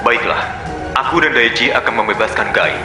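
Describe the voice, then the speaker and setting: A composed, methodical machine-like hero, acted by a man in a dubbed superhero film. The mid-pitched voice rings with echo beneath loud music. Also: normal speed, natural voice. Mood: calm resolve. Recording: echoing voice under loud music.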